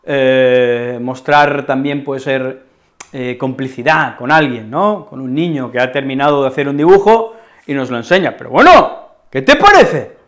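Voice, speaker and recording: A man with a Spanish accent teaching a language lesson to camera, expressive and often checking in with "¿vale?". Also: medium pitch, a little slow. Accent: Spain. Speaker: Spanish teacher, channel host.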